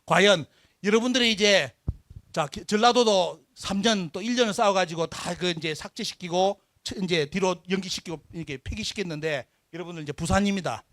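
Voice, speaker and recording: High-voiced man lecturing emphatically. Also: fairly quick, a bit bright. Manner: asks rhetorical questions and answers them himself; emphatic, drawing out key words. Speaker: history lecturer. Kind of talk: live lecture to an audience.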